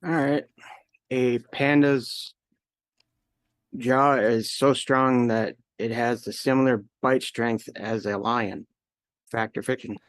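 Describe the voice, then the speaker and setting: Slow, deliberate quiz-asking man. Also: mid-range voice, fairly even intonation, dry recording. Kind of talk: posing a quiz question.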